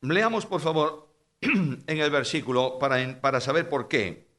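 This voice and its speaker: A middle-aged man from Spain with a Spanish accent, preaching a sermon and shifting from quiet storytelling to loud, emphatic passages. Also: on the high side, a little slow.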